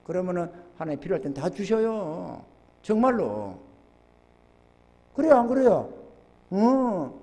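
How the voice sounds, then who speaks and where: A male pastor preaching a sermon, telling folksy stories with sudden loud outbursts. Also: sits high, sing-song, measured pace, long pauses. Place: church sanctuary. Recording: church hall with long reverb.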